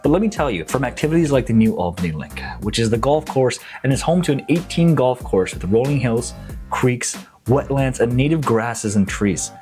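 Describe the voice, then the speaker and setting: A man's voice: medium pitch, lively intonation, normal speed, darkish tone, soft background music. A young man from Nepal, a real estate agent, talking up local suburbs in a casual, upbeat and slangy promotional vlog.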